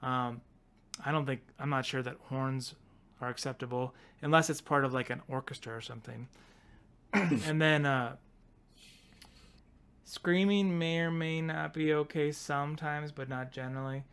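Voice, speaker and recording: Casting: male podcast co-host, smooth resonant voice, mid-pitch, loose rambling delivery with frequent laughs. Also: normal speed, fairly bright tone. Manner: rambling, self-interrupting, laughs often. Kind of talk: casual chat.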